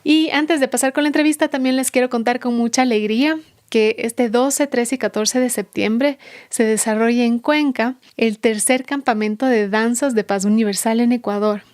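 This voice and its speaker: A woman's voice: a little high, fairly even intonation, moderate pace, a little mellow. A woman hosting a podcast, introducing her guest and then interviewing her in the guest's home. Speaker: podcast host.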